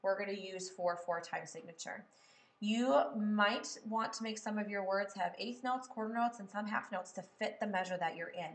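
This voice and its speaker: A woman's voice: medium pitch, normal speed, echoey room. A woman music teacher explaining step by step in a patient classroom manner. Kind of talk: classroom lesson on writing melodies.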